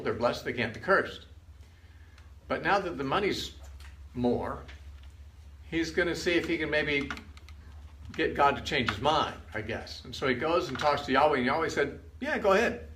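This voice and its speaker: A man's voice: mid-range voice, normal speed, fairly bright tone. An older man giving a conversational Bible lesson, retelling stories and casually acting out the quoted lines. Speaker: Bible teacher. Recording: roomy with faint background noise.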